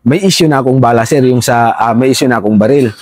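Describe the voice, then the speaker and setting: A man's voice: medium pitch, quick pace, darkish tone, no echo. A middle-aged man, an interview guest and former rebel fighter, telling his story conversationally and politely calling the host sir. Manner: deferential, calls the host sir often.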